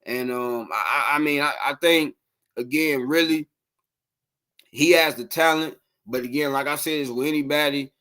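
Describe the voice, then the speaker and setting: A man hosting a casual late-night sports podcast livestream, rambling and animated, talking to his viewers. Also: fairly high pitch, normal speed.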